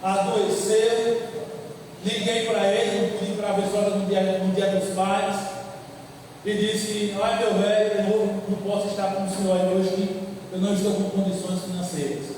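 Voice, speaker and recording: A man in his fifties from Brazil, a pastor preaching a sermon slowly and repeating his points. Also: sits high, flat delivery, darkish tone, slight background noise. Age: 50s. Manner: slow, repetitive preaching with scripture reading. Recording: echoey hall from far off.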